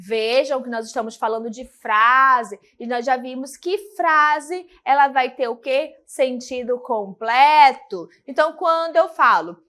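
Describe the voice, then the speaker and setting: Female teacher from Brazil, high pitch, didactic and patient, recorded lesson delivery. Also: a bit bright. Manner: didactic, asks and answers her own questions.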